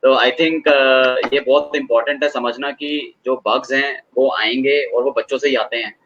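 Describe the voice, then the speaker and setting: A man's voice: mid-range voice, steady tone, a bit bright. Hesitant male expert, lo-fi audio. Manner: measured, hesitant, calls the host sir. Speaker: guest expert on online assessments. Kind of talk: conversational explanation.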